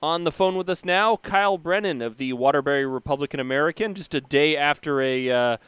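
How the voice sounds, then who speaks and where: Clear-voiced male podcast host. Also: a little high, fairly quick, fairly bright tone, no echo. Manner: agreeable, lots of yeahs and uhs. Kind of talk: casual sports podcast chat.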